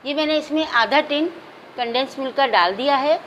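A woman calmly talking viewers through a home recipe, step by step, as the host of a cooking channel. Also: high voice, moderate pace, lo-fi sound, slight background noise. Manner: calm, instructive, addresses viewers directly.

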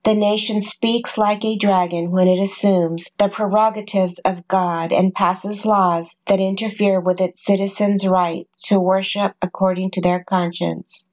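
A woman narrates a scripted Bible study in a steady, measured voice. Her pitch sits in an ordinary middle range, and she lays out each numbered point and verse plainly and deliberately. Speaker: prophecy narrator.

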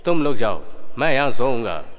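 A man's voice: medium pitch, big pitch swings, normal speed, a bit bright, big-room sound. Sleepy boy Raghu. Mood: drowsy. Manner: drowsy, pleading. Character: sleepy village boy who dreams the future.

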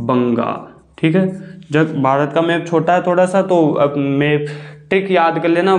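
A man teaching a classroom lesson, asking questions and answering them himself, stretching out the key words. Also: on the high side. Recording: echoey room.

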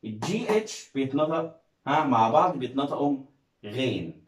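A man's voice: medium pitch, lively intonation, moderate pace. Egyptian man teaching in an echoey room. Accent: Egyptian Arabic. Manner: coaxing, quizzes viewers and praises them. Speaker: English teacher. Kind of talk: classroom-style video lesson.

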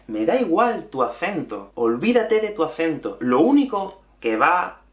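A young man from Andalusia with an Andalusian Spanish accent, teaching a lively video lesson and stressing his points with repetition. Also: fairly high pitch, measured pace, reverberant. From Andalusia, Spain. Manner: animated and emphatic, repeating key points.

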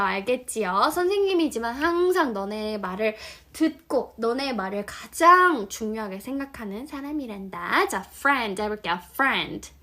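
A woman's voice: sits high, sharp tone. A woman teaching English words to children in a playful, sing-song way, acting out little scenes. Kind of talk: children's vocabulary lesson. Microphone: phone filming vertical video.

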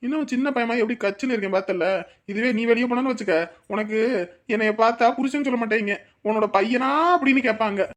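A woman's voice: fairly high pitch, fast talker, natural voice. A woman voicing a bickering middle-aged village husband and father who teases and scolds by turns. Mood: teasing. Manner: teasing, then scolding in bursts.

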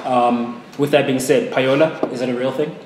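A man's voice: mid-range voice, steady tone, normal speed, slight background noise. A young man asking questions as a casual interviewer. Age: young adult. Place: indoor bar-restaurant. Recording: roomy restaurant sound with music.

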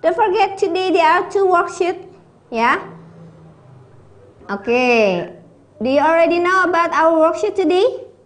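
Woman, Indonesian accent, kindergarten teacher, high voice, unhurried, encouraging, video call. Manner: patient, encouraging, repeats a child's name often. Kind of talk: live online class for young children.

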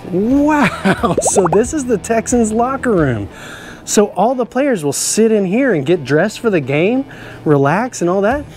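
A man's voice: high voice, sing-song, unhurried, darkish tone, soft background music. A middle-aged man hosting a children's show as a cowboy, touring a stadium locker room with big enthusiasm and frequent laughs. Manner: enthusiastic, exclamatory, laughs often. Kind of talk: upbeat kids' show tour hosting.

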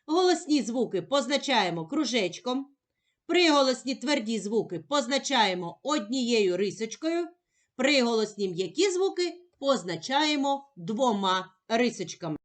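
A woman teacher with a Ukrainian accent, giving a slow, clearly enunciated phonics lesson to young children in a gentle, sing-song manner. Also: on the high side, very animated.

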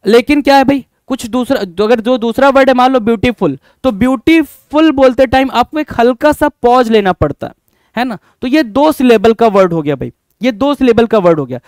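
A man's voice: very high-pitched, animated, brisk, darkish tone, dry recording, studio quality. A young Indian man teaching English grammar in a live online exam-prep class, addressing students as "bhai", repeating points and asking rhetorical questions. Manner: addresses students as bhai, answers chat comments by name.

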